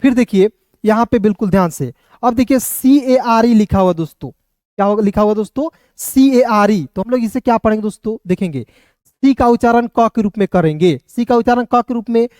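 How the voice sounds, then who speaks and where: A man with a high, light voice gives an English reading lesson. He spells each word out letter by letter, slows down to drill it, and turns to his listeners with questions. The sound is close and dry, with no room echo. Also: a little mellow. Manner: drills words, spells them out letter by letter and slowly; keeps asking the viewers questions, calling them friends. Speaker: English teacher. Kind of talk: spoken phonics lesson for Hindi speakers.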